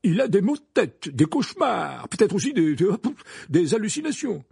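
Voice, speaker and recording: A grave, commanding old wizard headmaster, voiced by a man reading a storybook aloud. The voice sits very high and husky, every word pressed slow and firm, recorded close and dry. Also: no echo, heavily acted. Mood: stern. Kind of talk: audiobook character voice.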